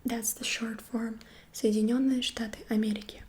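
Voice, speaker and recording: A woman giving a whispered ASMR lesson, speaking gently and softly and repeating each short phrase several times. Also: a little high, little pitch movement, normal speed. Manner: gentle, soft-spoken. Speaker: ASMR creator teaching phrases.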